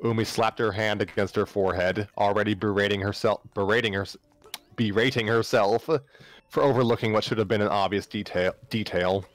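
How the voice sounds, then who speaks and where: Over background music, a man with a lowish voice narrates a story live on a stream, reading a little fast in a steady tone. He often stumbles and repeats phrases as he reads aloud.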